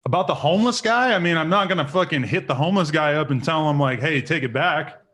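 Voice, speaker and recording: Podcast host guy, calm and dry, a bit high voice. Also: fast talker. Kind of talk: casual debate.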